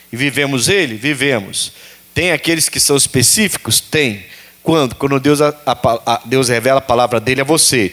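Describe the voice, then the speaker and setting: A man's voice: mid-range voice, a bit bright. A man preaching a sermon as pastor, repeating phrases and putting questions to the congregation.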